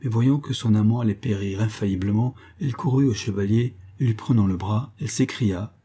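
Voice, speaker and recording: Low, husky male audiobook narrator. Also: a little fast, mellow.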